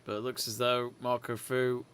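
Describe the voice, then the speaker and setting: A man hosting a live snooker watch-along, giving measured, conversational play-by-play commentary. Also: mid-range voice, little pitch movement, fairly bright tone, smooth.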